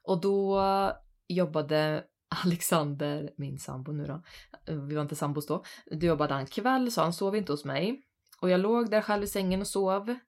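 A Swedish woman in her thirties, co-hosting a podcast and telling a spooky personal story in an animated, chatty way. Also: fairly low pitch. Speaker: podcast co-host. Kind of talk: casual storytelling chat.

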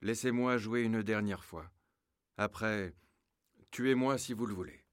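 An actor playing a brave young troubadour knight who speaks in a declamatory, courageous way in a storybook recording. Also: male voice, lowish voice, measured pace, dry recording, clean studio sound, natural voice. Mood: earnest.

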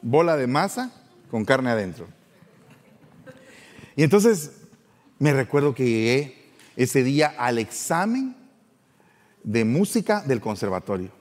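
A middle-aged man, telling a personal story in a playful, animated way. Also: mid-range voice, slow pace, pauses often, long reverb tail. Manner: animated, playful, acts out voices. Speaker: podcast host.

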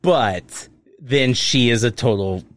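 A man's voice: mid-range voice, slow pace. A man co-hosting a podcast, chatting casually and animatedly, laughing often and swearing freely. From Middle Eastern heritage. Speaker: podcast co-host. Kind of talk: casual chat.

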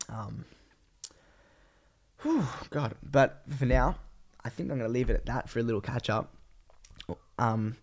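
A young Australian man with a croaky, phlegmy, congested voice, sick with a cold, rambling casually and slangily on a solo podcast. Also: mid-range voice, a little slow, pauses often, a little mellow. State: sick with a cold, voice partly gone. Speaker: podcast host and vlogger.

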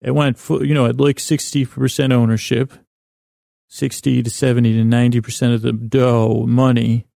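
Hosting a sleep podcast, a man with a low, creaky, mellow voice rambles through a bedtime intro monologue, trailing off mid-thought, halting, poking fun at himself and doubling back. His pitch barely moves. The sound is close and dry with no echo.

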